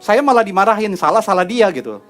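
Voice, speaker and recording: Middle-aged preacher, storytelling sermon, slightly high voice, soft music underneath. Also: male voice, sing-song, quick pace. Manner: chatty storytelling with asides to the congregation. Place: church hall.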